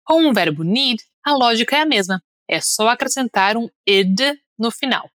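A woman's voice: fairly high pitch, animated, moderate pace, a bit bright, no room sound, clean studio sound. A young woman from Brazil with a Brazilian Portuguese accent, an upbeat pronunciation teacher on a podcast, leading listeners through drills. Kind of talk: podcast lesson.

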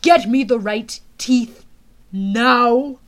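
A woman voicing a cold, scheming male villain general who speaks slowly and loudly. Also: lightly acted. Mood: furious. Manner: slow, booming, menacing delivery.

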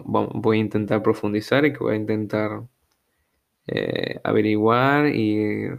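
Young guy from venezuela talking slow and flat, lots of restarts, podcast host just thinking out loud. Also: lowish voice, vocal fry. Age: young adult. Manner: slow, hesitant, searching for words with frequent restarts. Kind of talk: solo reflective monologue.

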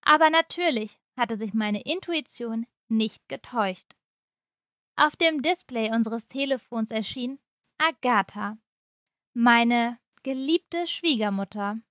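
A woman narrating a short story aloud for a podcast, in a calm, measured read-aloud manner. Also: on the high side, no room sound, clean studio sound. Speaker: story reader for an advent podcast.

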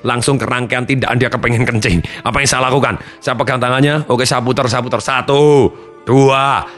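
A man who trains people in trauma therapy, telling a seminar audience about a patient's case in an animated way, acting out voices and counting aloud. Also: medium pitch. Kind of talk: storytelling seminar talk.

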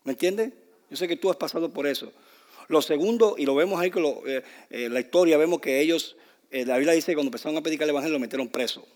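A man from Rico, preaching a fervent sermon that swings between soft asides and loud bursts, with English fillers mixed in. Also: on the high side, quick pace. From Puerto Rico. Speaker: pastor. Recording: long hall reverb.

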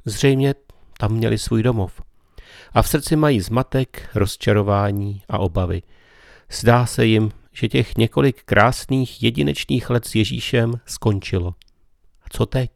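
Low-voiced man giving a quiet meditative sermon. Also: creaky, dry recording, clean studio sound. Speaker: preacher. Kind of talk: reflective spiritual talk.

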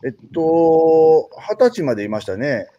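A man's voice: fairly high pitch, measured pace, dull audio, a little hiss or hum. A man in his fifties from Osaka with a Kansai accent, a guest in a walking interview who nods along constantly. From Osaka, Japan. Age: 50s. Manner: relaxed, lots of backchannel nods. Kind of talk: conversational interview. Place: outdoors, walking.

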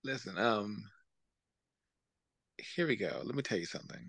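Male podcast co-host, gossipy and profane, bright and animated. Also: on the low side, normal speed, vocal fry, slightly rough, no room sound. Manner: loud, profane, joking, cackling laugh. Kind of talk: casual gossip chat recapping reality TV.

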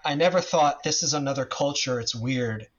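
Talking politics as a guest, a man from the United States speaks in a mid-range voice at normal speed. His casual delivery wanders, full of restarts and filler words, and the lo-fi recording sounds slightly dull.

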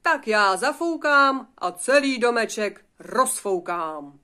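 A woman playing a loud, gloating big bad wolf. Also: medium pitch, expressive. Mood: menacing. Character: hungry boastful male wolf.

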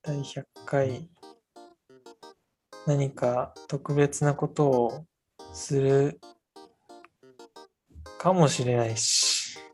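A man in his thirties co-hosting a podcast in casual chat, rambling with many fillers in a soft, low-key way. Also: fairly even intonation, very slow, long pauses. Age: 30s. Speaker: podcast co-host. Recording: faint music underneath.

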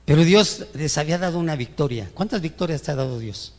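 A slightly high male voice with lively intonation moves at a brisk clip. He's a pastor preaching in church, recorded with a reverberant hall sound, hurling rhetorical questions at the congregation and mimicking whiny grumbles aimed at God.

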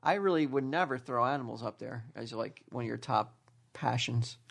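A man's voice: medium pitch, moderate pace, gravelly, fairly bright tone. A man co-hosting a podcast, bantering bluntly and swearing freely. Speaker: podcast co-host. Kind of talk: casual chat.

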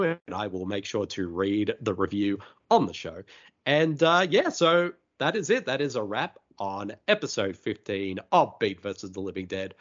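Lively podcast host guy, lots of um and uh, kinda dull lo-fi sound. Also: fairly low pitch. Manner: animated, chatty, with many fillers. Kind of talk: casual podcast chat.

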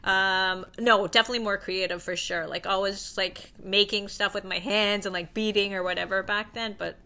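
A woman's voice: mid-range voice, normal speed. A woman in her forties from Toronto, chatting casually as an interview guest, full of "like" and easy laughter. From Toronto, Canada. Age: 40s. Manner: relaxed and chatty, peppered with "like" and laughter. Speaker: guest, fashion stylist.

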